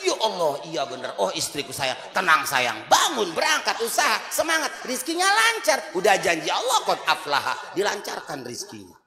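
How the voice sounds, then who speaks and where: A loving husband, cheered up, speaks warmly to his wife, acted by a preacher. His voice rings in a big echoing room. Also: high-pitched, very animated, moderate pace, exaggerated voice. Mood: affectionate. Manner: warm, affectionate, eager. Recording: echoey reverberant hall.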